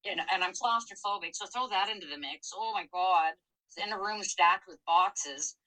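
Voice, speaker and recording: A woman's voice: mid-range voice, moderate pace, pushed and bright, low-quality recording. A middle-aged woman telling a personal story in a candid, emotional, casual chat. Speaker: co-host.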